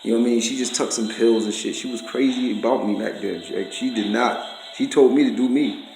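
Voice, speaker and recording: Man, profane accusatory rant to camera, mid pitch, roomy echo, faint music. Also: steady tone, brisk, vocal fry, darkish tone. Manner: profane, accusatory, streetwise slang. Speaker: vlogger.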